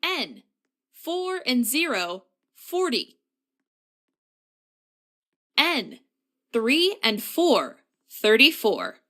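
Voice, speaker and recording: A woman's voice: sits high, big pitch swings, very slow, pauses often, pushed and bright. A woman working as a bingo caller, announcing numbers in short, clipped, formulaic phrases.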